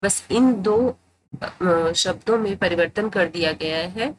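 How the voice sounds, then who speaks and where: A woman teaching Hindi grammar in a tutorial, explaining patiently and repeating phrases to make each point clear. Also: fairly low pitch, slow pace, slight background noise, low-quality recording.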